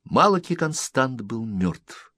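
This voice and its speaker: A man narrating an audiobook in measured, storytelling style. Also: mid-range voice, very animated, sharp tone, no echo. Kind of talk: scripted narration.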